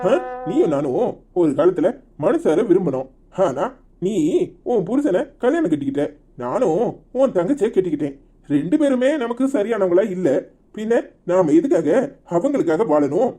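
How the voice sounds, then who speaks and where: A voice actor playing a scheming married man in a cartoon, with a Tirunelveli Tamil accent and a husky, coaxing then bullying manner. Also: medium pitch, mellow. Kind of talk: cartoon voice acting.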